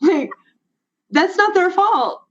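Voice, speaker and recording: A woman's voice: very high voice, expressive, slow pace. A woman from the United States speaking earnestly in a casual online panel discussion, sometimes restarting mid-sentence. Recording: muffled web call audio.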